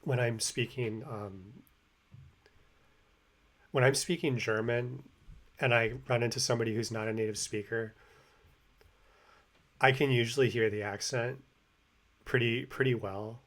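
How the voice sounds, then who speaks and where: Over the sound of hammering and sawing from construction above, an American man explains language learning in a loose, rambling way, stumbling through fillers and false starts. His medium voice is fairly bright and evenly inflected, measured in pace with long pauses.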